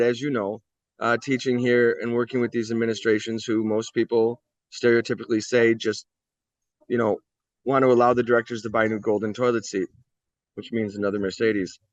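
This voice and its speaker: A man's voice: mid-range voice, no echo. Blunt American man, dull dry recording. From United States. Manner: blunt, candid, swears freely. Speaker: interview guest. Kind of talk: casual interview storytelling.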